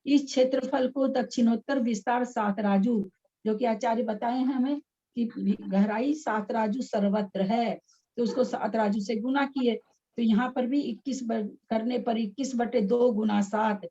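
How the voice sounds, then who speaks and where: Patient woman teacher, mellow husky voice. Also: on the high side, steady tone, muffled recording. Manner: patient, repeats steps slowly for students to write. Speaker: religious study teacher. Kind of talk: explaining text line by line.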